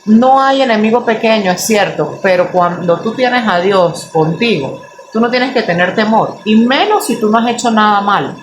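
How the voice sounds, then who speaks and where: A young woman with a Venezuelan accent, telling a personal faith anecdote with lively asides to listeners. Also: mid-range voice, moderate pace, background noise. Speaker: storyteller.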